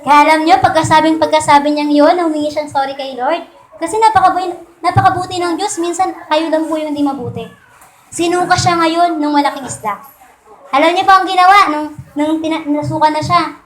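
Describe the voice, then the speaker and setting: Very high-voiced woman retelling a Bible story. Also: fairly quick, a little hiss or hum. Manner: polite, addresses listeners with constant questions. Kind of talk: casual Bible story sermon.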